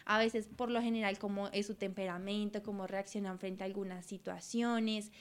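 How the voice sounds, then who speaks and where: A woman's voice: medium pitch, steady tone, normal speed. A young woman, co-hosting a podcast and explaining her student research in an earnest way. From Colombia. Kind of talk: casual radio chat.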